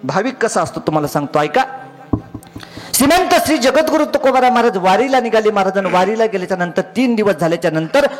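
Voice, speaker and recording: A man preaching a comedic devotional kirtan, telling lively stories and often calling out to the crowd. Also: sits high, quick pace. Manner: animated storytelling, acting out each character; often addresses the crowd as maharaj and baba.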